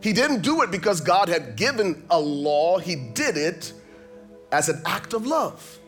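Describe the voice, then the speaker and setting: A male pastor preaches in a slightly raised voice, emphatic and rhythmic. He often repeats words and lines them up in pairs for effect. Faint music plays quietly behind his sermon. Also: high-pitched, sing-song, unhurried. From Liberia.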